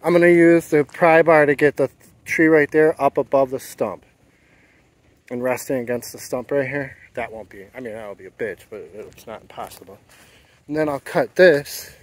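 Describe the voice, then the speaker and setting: A man's voice: mid-range voice, poor audio. A middle-aged man talking casually while filming himself outdoors, explaining his work as he goes. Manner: plainspoken, thinks aloud while explaining work. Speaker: off-grid homesteader and sailor. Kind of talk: casual outdoor vlog narration. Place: outdoors in woods and at a marina. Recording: music playing under the voice.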